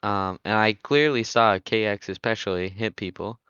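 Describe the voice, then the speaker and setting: A young man giving casual, chatty commentary on an online motocross race, relaxed and laughing often as he thinks aloud. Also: on the low side, moderate pace, smooth, no echo, lo-fi sound. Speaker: race commentator and server admin.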